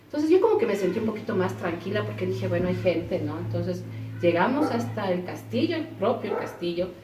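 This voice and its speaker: A woman casually telling a personal story, acting out quoted voices with sudden jumps in pitch. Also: sing-song, brisk. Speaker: storyteller recounting an experience. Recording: roomy echo, voice from a distance, faint noise.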